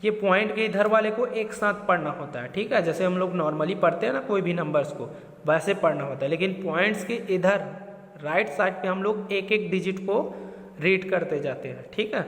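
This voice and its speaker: A man's voice: sits high, moderate pace, fairly bright tone, big-room sound. A man teaching a school math lesson, explaining step by step and keeping the class on track with questions and a repeated "theek hai".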